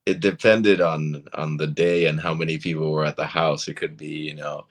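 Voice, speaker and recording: A man from Argentina with Spanish as his first language, a guest actor telling stories in a relaxed, casual interview. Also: rumbling low, normal speed. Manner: relaxed, storytelling, many fillers.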